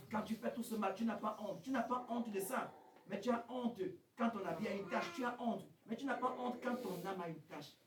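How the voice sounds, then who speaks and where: A male pastor preaching a revival sermon, swinging from shouted high peaks to quiet questioning drops. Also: recorded from a distance. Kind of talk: French-language revival sermon. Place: church hall. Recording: echoey church sound, from off the mic, faint noise.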